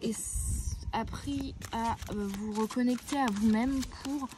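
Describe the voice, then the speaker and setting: A woman giving weekly oracle card guidance outdoors, gentle and reassuring, often pausing to search for her words. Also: on the high side, noisy background. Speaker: tarot and oracle card reader. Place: outdoors, near a tree.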